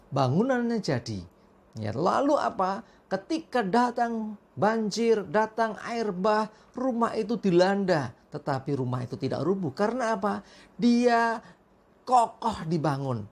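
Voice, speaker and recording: A woman leads a morning devotional sermon in a low-pitched voice. Her tone has a gravelly fry, and she reads scripture slowly and deliberately. When she explains the passage, she turns earnest and emphatic. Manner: earnest, slow deliberate reading, brisker emphatic asides. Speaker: preacher leading morning devotion.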